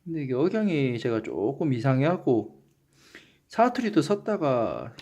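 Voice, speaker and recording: This time the Gyeongsang-accented host sounds a little mellow, with a medium-pitched, sing-song voice and an unhurried pace. He unboxes items casually for his channel, poking fun at himself and stumbling over words.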